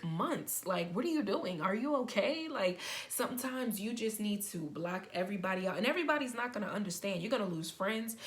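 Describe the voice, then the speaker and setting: Young woman vlogger, eager and rambling, trips over her words, mid-pitched voice. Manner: excited, rambling, stutters often. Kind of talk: casual advice talk to camera.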